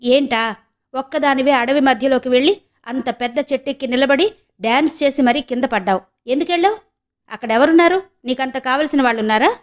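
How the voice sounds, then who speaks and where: A woman's voice: high-pitched, a little fast, natural voice. A woman voicing a blunt young man who scolds and fires questions at a friend in an audiobook. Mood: scolding.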